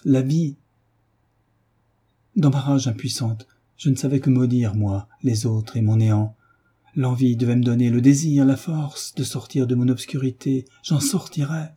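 A man voicing an emotional young pupil overflowing with enthusiasm, in a dark, husky voice. His words come out exalted and carried by emotion. It is read in an audiobook. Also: medium pitch. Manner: exalted, breathless with feeling. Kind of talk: audiobook reading.

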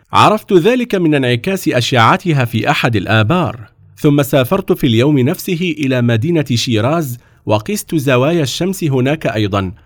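A man voicing a calm, brilliant young scholar in a storybook reading, explaining politely and patiently. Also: medium pitch, no room sound, clean studio sound, voice pushed up.

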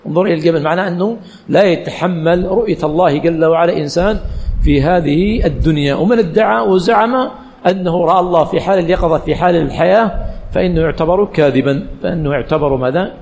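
A man's voice: a little high, quick pace, vocal fry, a little mellow, in a large hall. A male religious teacher giving a classroom lecture, quizzing the students with questions that he answers himself and repeating key phrases.

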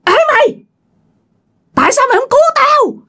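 A woman's voice: very high voice, sing-song, moderate pace, bright, forceful tone, voice pushed up, heavily acted. A woman voicing a furious drowned old ghost woman who shrieks accusations, with a Southern Vietnamese accent. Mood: furious shrieking. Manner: screeching accusations.

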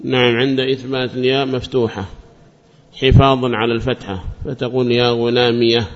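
A man teaching a grammar lesson at an even, mid-range pitch, calling on students by name and restating each rule patiently. The recording is muffled and lo-fi. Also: brisk. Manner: quizzes students by name and praises answers; repeats and restates points patiently.

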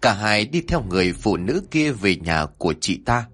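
A man telling a folk tale with expressive, dramatic, scripted narration. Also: lowish voice, moderate pace, breathy edge. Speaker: storyteller.

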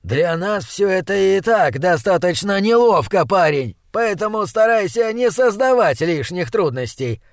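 A man's voice: sits high, lively intonation, measured pace, few pauses, no echo, clean studio sound, pitched above the performer's own voice. A man voicing an older town elder who speaks in a coaxing, condescending way. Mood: stern. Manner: patronizing, coaxing.

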